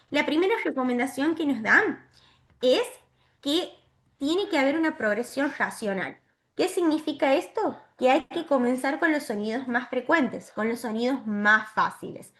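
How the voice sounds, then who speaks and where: A woman giving a virtual training lesson to teachers, explaining step by step and often checking in with a quick "¿sí?". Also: sits high.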